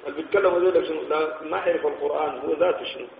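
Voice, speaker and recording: A Sudanese sheikh gives a religious lecture at a rapid clip, keeping his listeners on their toes with constant rhetorical questions. His voice sits a little high for a man and carries a long hall reverb. The recording is thin and tinny, like a phone line, with faint background noise. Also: fairly even intonation, gravelly. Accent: Sudanese Arabic. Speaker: sheikh teaching theology.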